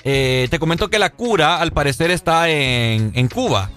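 A man's voice: on the high side, animated, normal speed, a bit bright, soft background music. A man co-hosting a morning radio show, chatting casually and joking with his co-host. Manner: playful, joking banter.

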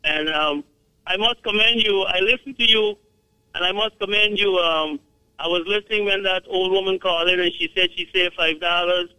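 A man from Guyana calling in to a radio show. His voice is bright and a little high, with a dry, close sound, and he speaks politely and hesitantly, with many pauses. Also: steady tone, clean tone, dry recording, rough recording. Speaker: caller. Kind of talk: phone-in testimonial.

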